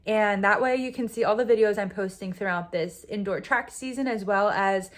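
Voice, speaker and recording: A woman's voice: mid-range voice, moderate pace. A woman in her twenties talking candidly over her vlog, reviewing a race she is disappointed with. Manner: candid, self-critical, conversational. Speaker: vlogger and runner.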